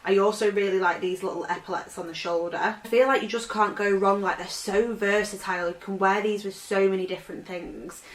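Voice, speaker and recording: A fashion vlogger talks a little fast with hardly any pauses, her medium-pitched voice steady as she rambles through a vintage haul at home. She keeps saying "like," and the casual vlog is recorded off-mic with roomy echo.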